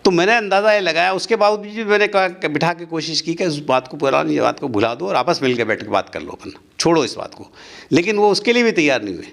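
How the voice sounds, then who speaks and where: A man's voice: a little high, lively intonation, fast, gravelly, fairly bright tone. Older guy, earnest and insistent, defending himself in an interview. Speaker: interviewee, university society official. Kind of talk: interview answers.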